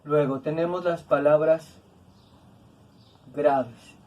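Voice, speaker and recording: A woman teaching a grammar lesson, speaking slowly and deliberately, repeating words to stress each syllable. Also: sits low, fairly even intonation, mellow. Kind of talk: classroom-style grammar lesson.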